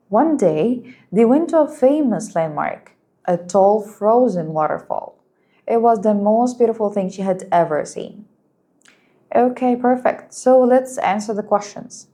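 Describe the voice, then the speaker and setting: A woman whose first language is Arabic teaching an English lesson, speaking slowly and clearly and praising her students. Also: on the high side, dark tone. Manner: patient, encouraging, slow and clear, explains in Arabic too.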